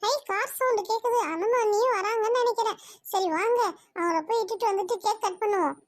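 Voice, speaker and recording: A woman's voice: very high voice, a little fast, no room sound, studio quality. A woman voicing a bossy middle-aged mother in a cartoon who scolds and fusses over her daughter's marriage. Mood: cheerful. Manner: scolding, fussing. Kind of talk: cartoon voice acting.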